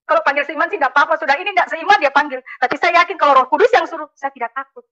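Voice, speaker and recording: A woman's voice: high-pitched, very fast, a bit bright, dull audio. A woman from Makassar giving a religious conversion testimony, telling her story emphatically and often calling out to the listeners. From Makassar, Indonesia. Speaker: testimony speaker.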